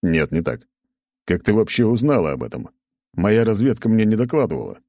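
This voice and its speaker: Gruff stern spartan warrior in a storybook, narrator doing him, dark low voice. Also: male voice, sing-song, brisk, exaggerated voice.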